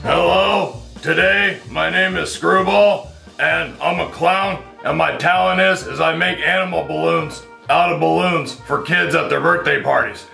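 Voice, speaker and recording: Slow, very creaky clown. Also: male voice, fairly high pitch, pushed and bright, faint music behind, exaggerated voice. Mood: earnest. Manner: halting, simple-minded, showman's presentation. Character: slow, earnest, inept party clown puppet. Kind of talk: puppet comedy sketch. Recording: roomy echo.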